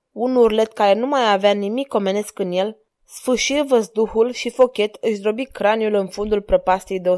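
A woman with a Romanian accent narrating an audiobook from a script in a measured, dramatic storytelling manner. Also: mid-range voice, dark tone, dry recording, studio quality.

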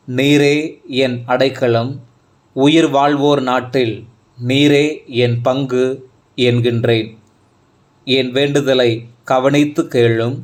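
Slow, reverent male scripture reader. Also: mid-range voice. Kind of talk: slow, measured scripture reading.

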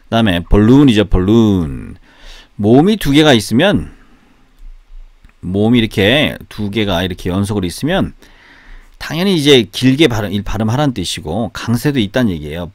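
A man who speaks Korean as his first language, teaching English pronunciation by repeating each word slowly and drilling it aloud. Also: fairly low pitch, big pitch swings, dry recording, clean studio sound.

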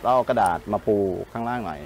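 A man's voice: mid-range voice, lively intonation, fast, a little mellow, lo-fi sound, a little hiss or hum. A man working as a chef on a cooking show, giving practical, step-by-step instructions in a casual, sometimes teasing way.

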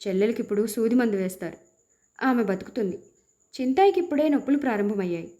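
A woman's voice: fairly high pitch, animated, quick pace, warm tone, lightly acted. A woman voicing a poor young husband in a storybook, who pleads and cries out in anguish. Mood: desperate prayer.

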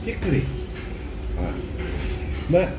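A man's voice: on the high side, wildly swooping pitch, extremely slow, reverberant, background noise. A man chatting casually with his mouth full while he tastes food for a vlog. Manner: chatty, mutters to himself while tasting. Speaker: food vlogger. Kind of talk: casual mukbang commentary.

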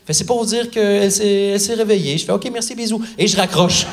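High-voiced comedian telling a story. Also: male voice, fast, background noise. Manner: storytelling, acting out the people he quotes. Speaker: stand-up comedian. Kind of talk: stand-up comedy set. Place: theatre stage before a live audience.

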